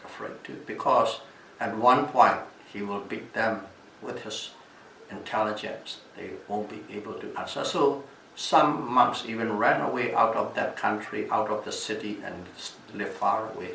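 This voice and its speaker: A man with a Burmese accent giving a Buddhist talk as a teacher, telling stories in a deliberate, halting way and repeating phrases for emphasis. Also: lowish voice, gravelly, fairly bright tone. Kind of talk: dhamma talk with storytelling. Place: echoey room at a retreat. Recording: distant mic, echoey room, background hiss.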